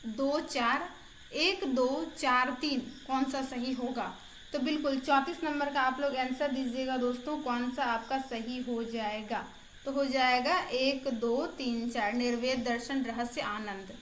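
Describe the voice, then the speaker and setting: A high-pitched woman teaches an exam-prep lesson over her screen, chatty and encouraging, and she repeats each answer aloud for her students. A faint hiss sits under her voice. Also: fairly bright tone, roomy sound. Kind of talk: casual online lesson.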